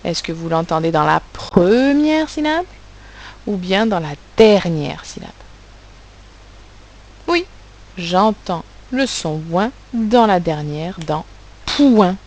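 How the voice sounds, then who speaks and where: A woman teacher giving a recorded phonics lesson to children, articulating sounds and syllables slowly and with care. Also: on the low side, sing-song, poor audio. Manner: slow, carefully articulated, stressing sounds and syllables. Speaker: primary school teacher.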